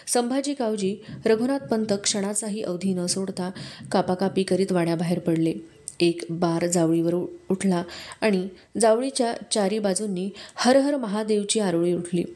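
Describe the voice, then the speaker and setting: Woman audiobook narrator, warm and mellow, even storytelling. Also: fairly low pitch. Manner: steady storytelling. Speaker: audiobook reader. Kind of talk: scripted narration of a historical novel.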